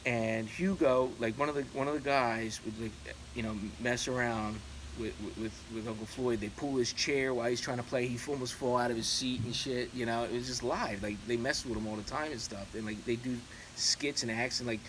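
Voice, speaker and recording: Man in his forties, medium pitch, casual vlog chat, halting and repetitive, clear background noise. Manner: halting, loosely anecdotal, repeats himself. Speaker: YouTube channel host. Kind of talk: casual rambling chat to viewers. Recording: clearly noisy, steady background ambience.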